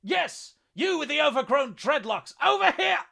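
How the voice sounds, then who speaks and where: A man voicing a frantic, overconfident young guardsman who yells taunts with reckless bravado. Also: very high-pitched, very animated, measured pace, gravelly, voice pushed up, heavily acted. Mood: taunting shout.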